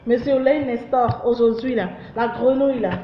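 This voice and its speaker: A woman's voice: a little high, steady tone, moderate pace, slight background noise. A woman hosting a comedy joke-news vlog, chatty and teasing with lots of fillers. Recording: roomy, dull lo-fi.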